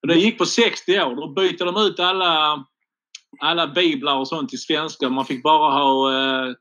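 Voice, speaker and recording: A man's voice: a little high, fairly even intonation, bright, forceful tone. A man with a Scanian Swedish accent co-hosting a casual podcast, talking in a rambling, mock-indignant way. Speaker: podcast co-host.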